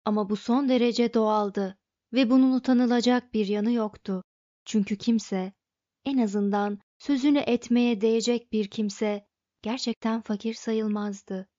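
A woman narrating an audiobook in a measured, even manner, her voice sitting a little high. The recording is dry with no room sound and slightly dull in tone. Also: dry recording.

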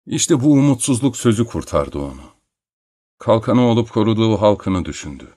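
Male narrator, deep low voice, measured and solemn audiobook delivery, dry close recording. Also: big pitch swings, mellow, no echo.

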